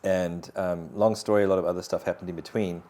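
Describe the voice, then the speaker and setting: A man's voice: deep voice, fairly even intonation, fast talker, mellow. A man, sharing his personal faith story in an interview in an earnest, reflective way. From South Africa. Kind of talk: conversational personal testimony.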